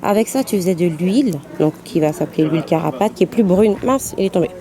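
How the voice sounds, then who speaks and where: A woman's voice: fairly low pitch, lively intonation, quick pace, a crowd in the background. A woman vlogging casually on holiday, explaining things in a chatty way while filming with a handheld camera outdoors. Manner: chatty, explains while walking, laughs often. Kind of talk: casual travel vlog.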